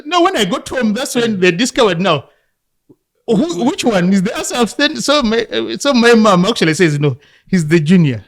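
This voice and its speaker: A man from Uganda in his fifties, a football coach, telling his life story in a relaxed interview, reflective and often laughing. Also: high-pitched, normal speed. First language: Luganda.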